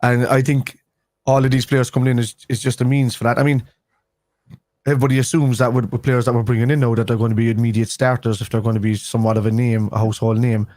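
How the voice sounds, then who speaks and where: A Liverpool-accented man co-hosts a football fan live stream a day after having a tooth pulled, talking fast in a flat, medium-pitched, slightly mellow voice with no echo. He rambles casually and restarts often.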